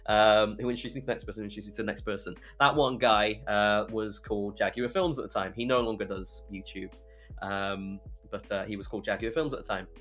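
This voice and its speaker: A young British man, a YouTuber and streamer appearing as a podcast guest, tells stories in a chatty, rambling way. His voice is fairly low and fairly bright, steady in tone, and he talks fast over soft background music.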